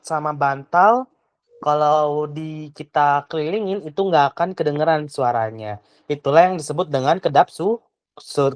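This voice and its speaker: Speaking in a deep voice, a young adult private tutor patiently guides a child through an online lesson, asking lots of questions and tagging "gitu" onto the ends of her lines. The recording is dry and rough.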